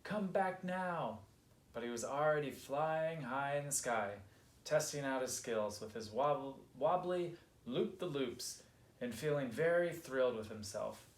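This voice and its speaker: A man reading a picture book aloud for children in an expressive, lively way. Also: medium pitch, moderate pace. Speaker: storybook reader. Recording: roomy echo.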